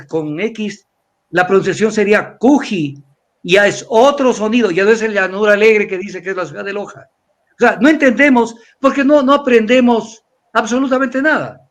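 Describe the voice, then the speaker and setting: An older man from Ecuador giving a lecturing weekly commentary, repeating himself and spelling out letters. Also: sits high. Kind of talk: weekly analysis talk.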